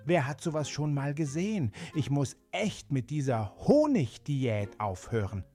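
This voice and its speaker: A man doing Frieda, a squeaky parroting frog. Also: sing-song, a little slow, dark tone, soft background music. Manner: shrill, squeaky mimicry. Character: chattering female frog who parrots everyone.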